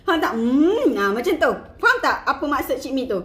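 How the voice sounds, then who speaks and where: A woman's voice: high-pitched, big pitch swings, quick pace, bright, forceful tone, reverberant. A Malaysian woman giving casual, playful marketing tips to her sales team, mixing in English words and laughing often. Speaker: online seller coaching her team.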